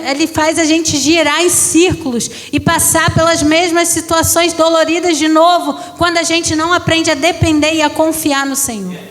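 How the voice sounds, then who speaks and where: A woman's voice: extremely high pitch, fairly even intonation, normal speed, hardly any pauses, fairly bright tone. A woman in her thirties preaching a personal testimony to a congregation, telling her story with emotion. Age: 30s. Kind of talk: testimony sermon. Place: church hall. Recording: long church reverb.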